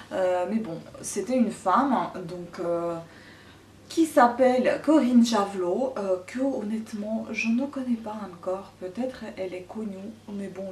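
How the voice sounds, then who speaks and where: A woman's voice: medium pitch, a little hiss or hum. A woman, chatting hesitantly to camera as a vlogger showing her gifts. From Ukraine. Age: 30s. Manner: chatty, hesitant, many pauses. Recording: roomy, distant from the mic.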